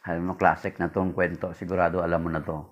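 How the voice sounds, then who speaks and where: A man preaching a homily, mixing Tagalog and English, telling a story and raising his pitch to act out its voices. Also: level tone, quick pace, muffled recording. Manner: mixes Tagalog and English, addresses listeners as brothers. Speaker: priest. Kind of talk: homily with a told joke.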